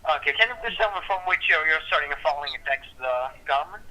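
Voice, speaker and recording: Fast, sharp call-center man on telephone. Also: on the high side, expressive. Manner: Indian call center manner: repetitive, formal, halting syntax. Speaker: phone scam caller posing as tax official. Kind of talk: scripted call-center phone pitch. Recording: thin telephone line.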